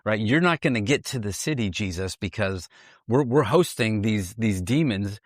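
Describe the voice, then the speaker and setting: A man's voice: fairly low pitch, normal speed, no echo. Man explaining scripture outdoors, dry sound. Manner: animated explainer with frequent restarts. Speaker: Bible teacher host. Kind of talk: conversational Bible teaching. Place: outdoors at ancient hilltop ruins.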